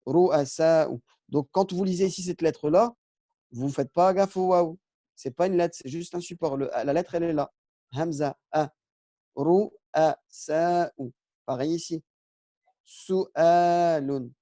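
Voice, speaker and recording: A man teaching a relaxed lesson, patient and step by step, with frequent fillers and self-corrections. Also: on the high side, moderate pace, no echo, clean studio sound. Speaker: Arabic teacher. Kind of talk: casual lesson on Arabic spelling.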